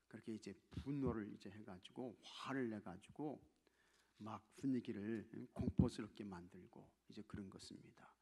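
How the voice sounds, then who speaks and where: A man's voice: on the low side, a little mellow. A male pastor preaching a sermon to his congregation, exhorting them and often dropping to a near-whisper for emphasis. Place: church sanctuary.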